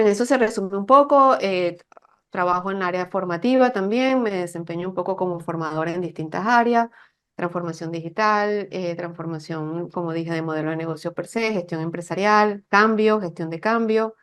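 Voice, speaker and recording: A woman's voice: lowish voice, moderate pace, smooth. Venezuelan woman explaining her work. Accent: Venezuelan Spanish. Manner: explanatory, with frequent "¿no?" and "¿sí?" tags. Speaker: guest, business consultant. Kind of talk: conversational interview.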